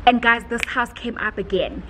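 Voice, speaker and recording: A young woman tells a story in a casual sit-down home vlog, animated and heartfelt, with many filler words. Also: fairly high pitch, normal speed, slight background noise, low-quality recording. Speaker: vlogger. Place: home, indoors.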